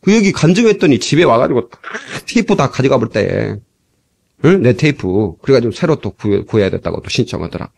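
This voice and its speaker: A man preaching an impassioned sermon as pastor, shouting exhortations and acting out voices, recorded on old cassette tape. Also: medium pitch, sing-song, a little fast, vocal fry, husky. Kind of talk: fiery sermon.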